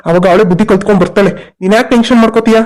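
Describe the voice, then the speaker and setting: A performer voicing a concerned young husband and brother in a cartoon story, talking in quick, protective reassurances. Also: medium pitch, a little mellow, close to an everyday voice.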